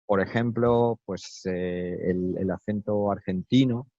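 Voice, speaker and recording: Spanish man, low mellow voice. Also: fairly even intonation, takes it slowly, no echo, dull audio. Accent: neutral Castilian Spanish. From Spain. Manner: thoughtful, hesitant, many fillers and restarts. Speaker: interview guest. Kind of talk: relaxed conversational interview.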